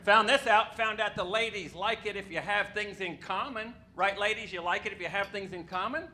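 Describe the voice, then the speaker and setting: A man with a drawl performs stand-up at a club mic, and his voice sits high for a man. He delivers his punchlines flat and deadpan and keeps chatting with the people in front of him. The live recording carries a clear hum of room noise underneath. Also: moderate pace. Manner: deadpan punchlines, addresses the crowd. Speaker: stand-up comedian. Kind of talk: stand-up comedy set. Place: comedy club stage with a live audience. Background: audience laughter.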